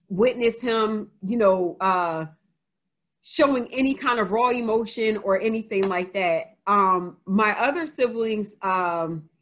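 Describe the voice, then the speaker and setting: A woman author answering reader questions in a casual Q&A, telling a personal story candidly with frequent laughter. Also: mid-range voice. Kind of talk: casual live Q&A.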